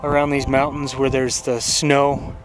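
A middle-aged man casually narrating his backcountry trip outdoors, talking to a handheld camera in an easy, unhurried way with fillers. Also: mid-range voice, rough recording. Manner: relaxed, unhurried running commentary with fillers. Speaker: hiker filming his own trip. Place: outdoors on a snowy mountain ridge. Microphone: handheld camera at arm's length. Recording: background music over the voice.

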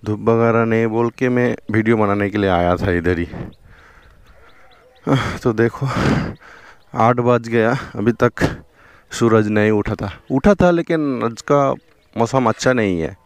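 With a smooth, lowish voice, a young motovlogger speaks a little slowly and pauses often while riding along a riverbank. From West Bengal, India, he has a Bengali accent from his first language and chats easily, peppering his talk with "dekho" and "theek hai" for the helmet or chest action camera on him.

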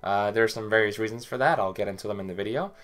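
This young man's voice sits on the low side and a bit bright, and he races along as he rambles through computer parts, full of fillers and coughing now and then because he's slightly ill. He's a tech vlogger speaking casually to a desk webcam. Hardware boxes fill the small bedroom around him.

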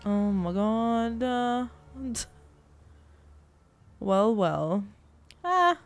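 With a higher voice, big swings in pitch, and drawn-out words, a woman gives casual let's-play commentary on a role-playing game, game music behind her. She teasingly grumbles and swears at her party.

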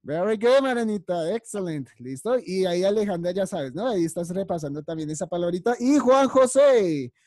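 A woman's voice: fairly low pitch, lively intonation, brisk, few pauses, dark tone, no echo, studio quality. A woman teaching young children English vocabulary on a video call, patient and encouraging as she calls on each child by name. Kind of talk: online class teaching vocabulary.

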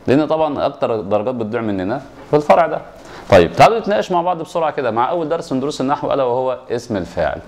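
A man's voice: medium pitch, a little mellow. A man with an Egyptian accent teaching an exam review lesson, asking and answering his own questions and repeating the key rules. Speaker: Arabic grammar teacher.

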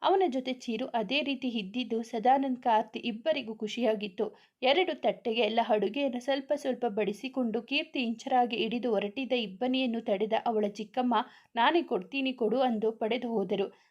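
Kannada-accented woman storyteller, even steady reading, a bit high. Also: normal speed, dull audio. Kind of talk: serialized romance story narration.

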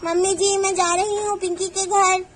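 A woman's voice: extremely high pitch, level tone, normal speed, slight background noise. A woman doing a whiny little girl. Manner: pleading, whining.

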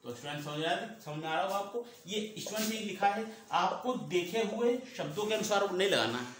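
A man's voice: sits high, lively intonation, brisk, a bit bright. A man teaching a class, repeating each point and asking and answering his own questions. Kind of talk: classroom lesson. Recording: very echoey room, faint noise.

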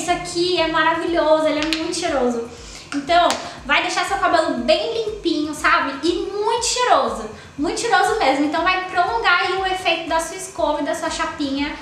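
This beauty vlogger, a Brazilian woman in her twenties, has a high, somewhat bright voice as she chats warmly about beauty products in Brazilian Portuguese, slipping in little fillers like "tá?" and "ó". The very echoey recording, made in a small indoor room with a sofa, has faint noise in it.

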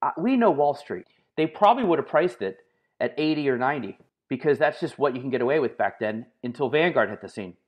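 A man's voice: mid-range voice, fairly quick. Talkative man telling stories as an interview guest. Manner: lively, talkative storyteller with frequent fillers. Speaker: guest, market analyst and author. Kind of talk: podcast interview.

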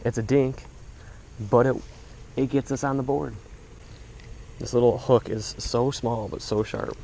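A young man filming himself bass fishing at a pond, chatting to viewers in slangy, excited bursts. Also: measured pace, gravelly, a little hiss or hum, rough recording. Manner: excited, slangy, talks to viewers as bro and dude. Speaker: fishing vlogger. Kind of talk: casual commentary while fishing. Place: outdoors by a suburban pond. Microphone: head-mounted action camera.

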